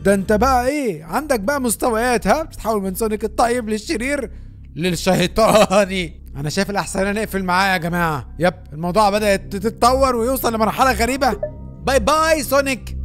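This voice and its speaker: Joking Egyptian man, high fast voice. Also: faint music behind. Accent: Egyptian Arabic. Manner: joking, animated, laughs often. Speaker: gaming YouTuber. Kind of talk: playful gaming commentary.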